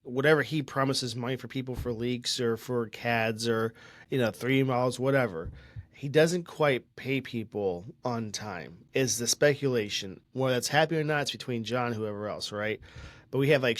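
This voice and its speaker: A young man co-hosts a casual tech podcast, opinionated and rambling, often circling back with restarts. His voice sits at an ordinary middle pitch. It is recorded close and dry, with no room sound. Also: no room sound. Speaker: podcast co-host.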